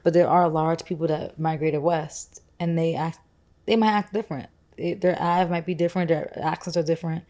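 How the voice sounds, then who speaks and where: A young woman co-hosts a podcast in a loose, rambling conversational style. Her voice sits low and sounds soft and mellow rather than bright. She strings her thoughts together with frequent "like"s. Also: fairly even intonation, normal speed. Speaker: podcast co-host. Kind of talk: casual conversational chat.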